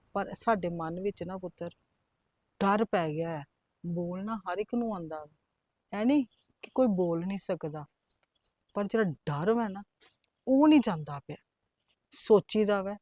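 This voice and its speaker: A woman playing a timid young daughter-in-law who pleads softly and speaks of her fear and sorrow. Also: medium pitch, dry recording, close to an everyday voice. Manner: pleading, fearful, soft and sad. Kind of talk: family drama acting.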